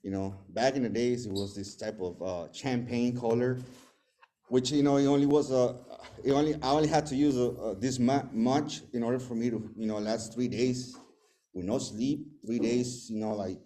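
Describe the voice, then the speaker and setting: A Salvadoran man in his forties, a native Spanish speaker with a Salvadoran Spanish accent, gives a personal recovery testimony at a meeting. His voice is warm and medium-pitched, with fairly even intonation and a moderate pace. He sounds nervous and hesitant, often restarting and filling gaps with filler words.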